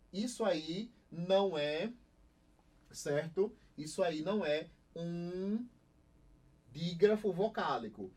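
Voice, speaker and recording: A young Brazilian man with a lively, slightly high voice gives a recorded online class, asking the students questions and answering them himself. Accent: Brazilian Portuguese. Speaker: Portuguese teacher.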